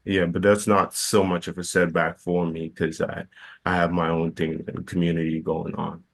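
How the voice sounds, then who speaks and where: Deep-voiced man, hesitant and halting. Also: level tone, gravelly. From Ghana. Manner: hesitant, many fillers and restarts. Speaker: filmmaker guest. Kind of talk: casual interview.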